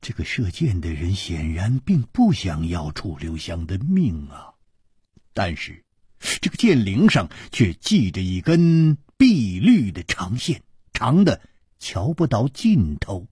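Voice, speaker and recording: A man narrating a martial-arts story with an animated, expressive delivery. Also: sits low, slow pace, husky, no room sound, studio quality.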